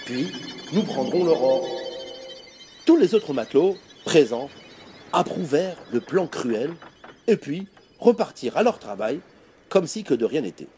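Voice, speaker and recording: A man narrating a story in a lively, dramatic storytelling manner. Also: on the high side, normal speed, slight background noise. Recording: music playing behind.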